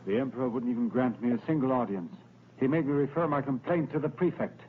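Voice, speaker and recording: An actor playing an earnest, stubborn young Roman patrician, speaking formally in a dubbed historical film. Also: male voice, mid-range voice, fast, lightly acted. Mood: aggrieved. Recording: tinny narrow-band old film soundtrack, noisy.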